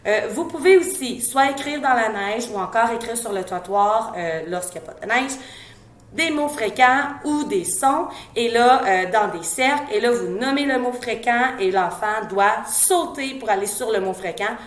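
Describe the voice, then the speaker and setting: A woman with a Québécois French accent, an educator giving parents reading tips in a casual teaching tone, slowly sounding out letters and syllables. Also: on the high side, expressive, echoey room. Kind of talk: informal instructional talk.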